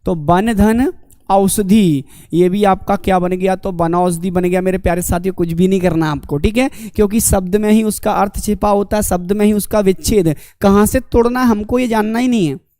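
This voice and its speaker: A man's voice: high voice, steady tone, fairly quick, hardly any pauses, mellow, no echo, clean studio sound. A man teaching an online exam-prep lecture, asking the class questions and answering them himself, calling the students his dear companions.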